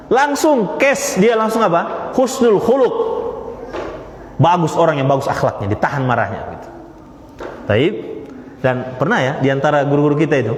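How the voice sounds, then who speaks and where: Lively male Islamic teacher in echoey hall. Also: a little hiss or hum. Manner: lively, repeats key phrases, pitch jumps for emphasis. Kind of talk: religious study lecture. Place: study gathering with listeners present.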